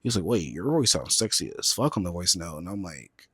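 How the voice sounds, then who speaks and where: A campy man hosts his podcast alone on a close mic. His voice leaps from high squeals to low murmurs, and the dry, close sound has almost no room in it. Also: sing-song, brisk, breathy edge, no room sound. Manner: campy, playful, swings between loud squeals and low murmurs. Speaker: podcast host. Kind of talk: solo podcast monologue.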